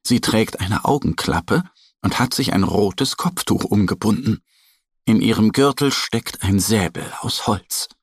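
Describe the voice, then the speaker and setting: Brief: man narrating a children's story, gravelly voice, dry close recording. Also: fairly low pitch, dry recording. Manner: slow, gentle, expressive.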